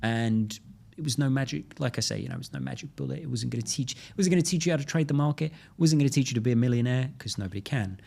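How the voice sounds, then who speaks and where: A man with a London accent, a guest in a podcast interview who tells stories in an animated way. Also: mid-range voice, fast, vocal fry. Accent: London English. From London, England. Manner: animated storyteller, acts out quoted voices. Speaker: guest, crypto lawyer.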